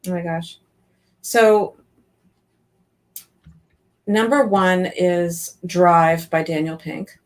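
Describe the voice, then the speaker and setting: A woman's voice: on the low side, drawn-out words, pauses often. A woman in her fifties, a business coach, chatting enthusiastically as an interview guest. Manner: chatty and enthusiastic, with frequent restarts. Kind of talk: casual interview chat.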